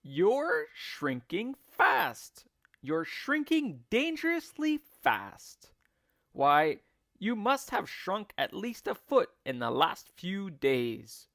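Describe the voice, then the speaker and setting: A man's voice: high-pitched, big pitch swings, a bit bright, no room sound, studio quality, pitched above the performer's own voice, heavily acted. Man acting a taunting, bullying storybook husband. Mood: gleeful taunting. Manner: taunting, emphatic, drawn-out. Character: gleefully cruel, bullying, scheming husband.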